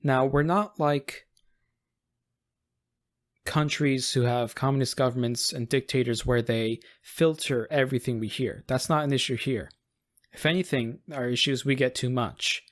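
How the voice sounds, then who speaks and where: An American man co-hosting a casual podcast chat, musing aloud with frequent restarts and quick acted-out quotes. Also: mid-range voice. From United States. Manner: rambling, restarts and acts out quoted voices. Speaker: podcast co-host.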